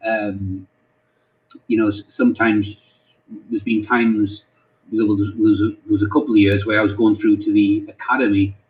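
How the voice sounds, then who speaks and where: A man's voice: on the low side, flat delivery. Man on a tinny call. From North East England. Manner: halting, repeats words often. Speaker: football club chaplain. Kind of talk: casual interview answers. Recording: tinny phone-like call audio.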